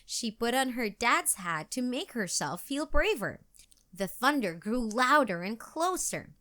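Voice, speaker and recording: A woman reads a children's book aloud in a slow, unhurried way. Her voice swings widely in a sing-song lilt and sounds bright. She finishes with questions and prompts for young readers. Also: on the high side, very animated. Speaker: storybook reader. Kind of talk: children's read-aloud narration.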